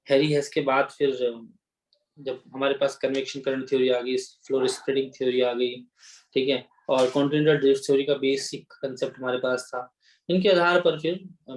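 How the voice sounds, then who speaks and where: Man giving a casual geography lecture. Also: mid-range voice. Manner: unscripted explaining with fillers and restarts, Hindi mixed with English terms; repeats "ठीक है" to check in with students. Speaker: teacher. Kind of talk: exam-prep geography lecture.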